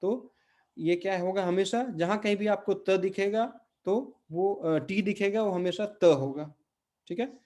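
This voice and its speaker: A man teaching a Portuguese pronunciation lesson, repeating each word slowly and checking in with his listeners. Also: high voice, warm tone. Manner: patient, repeats words slowly and checks with "ठीक है?". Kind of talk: spoken language lesson.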